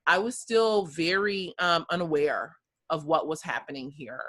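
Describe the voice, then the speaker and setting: Her voice sits low and a bit bright, and her pace is a little slow. She's an American guest in her thirties chatting casually about her own story, with frequent fillers and ready laughs.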